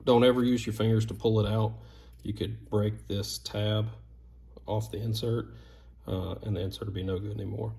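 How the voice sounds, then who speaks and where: A man with a low voice and a noticeable creaky fry, talking through a hands-on repair. He explains each step in a plain, folksy way, like a craftsman giving casual instruction. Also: flat delivery, moderate pace, dark tone. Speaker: duck call maker giving repair tips.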